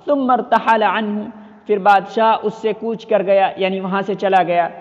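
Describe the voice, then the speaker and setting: A man's voice: high voice, fairly even intonation. A man teaching a lesson, reading Arabic phrases and explaining each one several times in other words. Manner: reads an Arabic phrase, then explains it repeatedly with synonyms. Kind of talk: line-by-line Arabic text translation lesson. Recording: dull lo-fi audio with long reverb.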